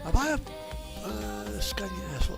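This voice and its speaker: Slow and expressive, this British streamer's high-pitched, creaky voice rambles through casual asides as he plays a truck driving game. Engine noise and music sit in the background.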